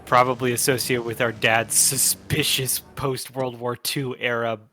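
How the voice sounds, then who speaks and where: A man giving casual, joking game commentary as a co-host, wry, excitable and swearing freely. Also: mid-range voice, moderate pace, slight background noise. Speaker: let's play co-host. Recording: game music behind. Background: video game music.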